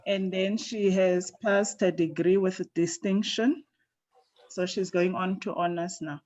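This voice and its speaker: A woman's voice: fairly low pitch, steady tone, unhurried, a little mellow. A woman speaking as a participant in a meeting. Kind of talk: personal update in a meeting. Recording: dull lo-fi online meeting audio.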